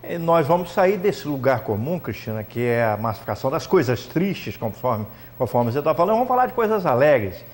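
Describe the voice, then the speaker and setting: A man's voice: mid-range voice, sing-song, brisk, few pauses. A man hosting a local TV talk show, friendly and upbeat as he steers the interview. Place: local TV studio.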